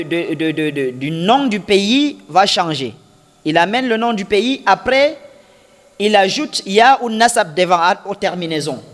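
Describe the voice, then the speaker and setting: A man's voice: sits high, a bit bright. Patient male Arabic teacher in a reverberant hall. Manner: patient, repeats examples and quizzes the class. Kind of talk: classroom lesson explaining grammar.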